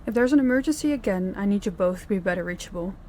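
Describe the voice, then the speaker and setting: Rapid-fire and lively in intonation, a woman with a darkish, mid-range voice plays a stern female crime boss managing her department heads. The scripted roleplay is lightly acted and businesslike in command, with slight background noise.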